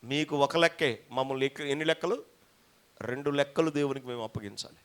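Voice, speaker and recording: A male pastor from Pradesh, preaching a sermon to a congregation in church. He moves from shouted peaks to quiet asides and keeps calling for praise and hallelujah. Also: medium pitch, fast talker, clean tone. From coastal Andhra Pradesh, India. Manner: repeated calls for praise and hallelujah. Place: church before a live congregation.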